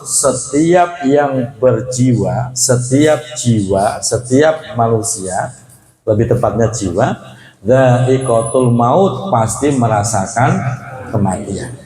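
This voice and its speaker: Male preacher, unhurried teaching sermon, jokes with his audience, roomy echo. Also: medium pitch. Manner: lively and humorous, addressing men as "Pak"; slow drawn-out Arabic recitation. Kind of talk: Quran study sermon. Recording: echoey hall.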